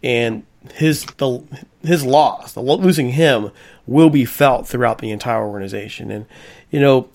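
A man hosts a sports talk radio show with a gravelly, fry-laden voice. He speaks directly and calls his listeners folks. His pitch stays in a middle range. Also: moderate pace, a little mellow.

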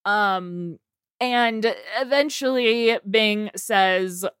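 A woman's voice: mid-range voice, extremely slow, a bit bright, clean tone, no room sound, clean studio sound. A woman co-hosting a casual tech podcast, stammering and laughing as she reads out a chat transcript. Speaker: co-host.

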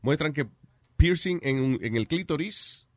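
A man's voice: a little high, expressive, measured pace, dry recording, clean studio sound. A man hosting a radio talk show, chatting casually and laughing, slipping English phrases into his talk. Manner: laughing, code-switching into English. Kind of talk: bilingual casual radio banter.

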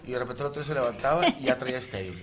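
A man with a Mexican Spanish accent, a podcast co-host in casual chat, lively and teasing. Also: mid-range voice, very fast, a little hiss or hum.

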